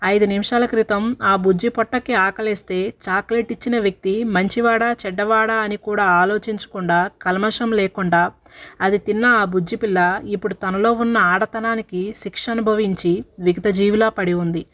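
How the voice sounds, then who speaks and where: A woman's voice: mid-range voice, steady tone, moderate pace, a bit bright. A woman narrating a story in a dramatic, sorrowful voice.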